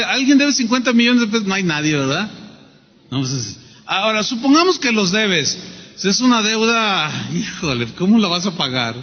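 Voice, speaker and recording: Animated high-voiced male preacher. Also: big-room sound, dull audio. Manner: animated, acts out the parable's voices. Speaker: pastor. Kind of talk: sermon.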